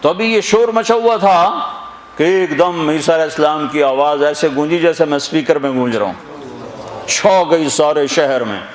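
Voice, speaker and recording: A man giving a storytelling sermon, retelling scripture dramatically and slowly reciting verses between the narration. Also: fairly high pitch. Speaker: preacher. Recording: echoey hall with long reverb, faint noise.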